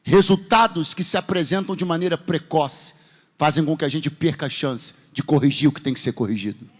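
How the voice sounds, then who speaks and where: Brazilian preacher, high voice, fervent call-and-response sermon, long church echo. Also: male voice, brisk. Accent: Brazilian Portuguese. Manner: fervent preaching with rhetorical questions to the congregation. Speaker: pastor. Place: church sanctuary. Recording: long hall reverb in a church.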